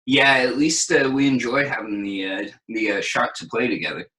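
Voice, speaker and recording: A man's voice: mid-range voice, fairly even intonation, normal speed, bright, forceful tone, low-quality recording. A young man chatting casually as a guest, laid-back and rambling, with lots of fillers. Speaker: guest DJ and producer. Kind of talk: casual chat.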